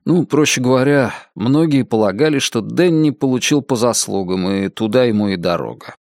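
A man voicing a calm, patient adult male tutor who corrects gently. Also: medium pitch, normal speed, vocal fry, no echo, studio quality.

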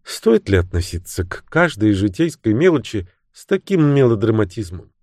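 A cool, sharp-tongued young woman with a mocking edge, as a male narrator puts her on. Her voice sits higher than his own and swings widely. The recording is close and dry. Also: big pitch swings, normal speed, no echo.

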